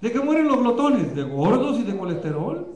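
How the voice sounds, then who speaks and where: A male pastor preaching a sermon with passion, often pausing on fillers. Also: very high voice, sing-song, a little mellow, reverberant. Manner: impassioned preaching, many filler pauses. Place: church, live streamed.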